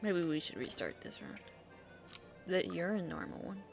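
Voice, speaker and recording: While streaming a game, a woman thinks aloud in short, casual, reactive remarks. Her fairly low, gravelly voice swoops wildly in pitch at a moderate pace, with video game music playing behind her.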